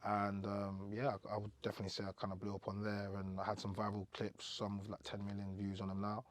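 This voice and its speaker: A young man from Cameroon, talking as a podcast guest in relaxed, rambling chat with plenty of fillers. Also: fairly low pitch, fast, no room sound. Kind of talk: casual interview chat.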